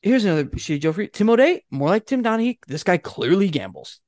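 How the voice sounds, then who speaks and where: A man co-hosting a casual sports podcast, ranting with a fan's exasperation and talking in quick bursts full of fillers. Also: high voice, no room sound, clean studio sound. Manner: animated, exasperated fan ranting.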